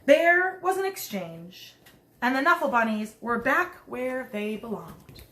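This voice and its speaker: A woman reading a picture book aloud to young children, expressive, with chatty asides and simple questions to her listeners. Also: fairly high pitch, unhurried. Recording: roomy echo, some background noise.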